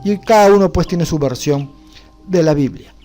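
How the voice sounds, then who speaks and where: A man's voice: fairly high pitch, moderate pace, warm tone, faint music behind. Man teaching a religious class. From Bolivia. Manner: explanatory, asks rhetorical questions with frequent "¿no?". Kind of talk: religious studies lecture.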